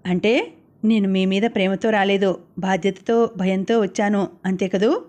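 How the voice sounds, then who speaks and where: A woman's voice: mid-range voice, fairly even intonation, unhurried, close to an everyday voice. A woman reading the lines of a playful, affectionate young man in an audiobook novel. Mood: teasing. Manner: playful, gently teasing.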